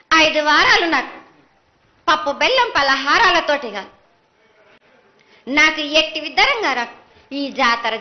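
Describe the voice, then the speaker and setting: Lady oracle talking as a goddess, commanding, voice swinging up and down a lot, muffled sound. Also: sits high. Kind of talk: ritual prophecy, chanted pronouncements.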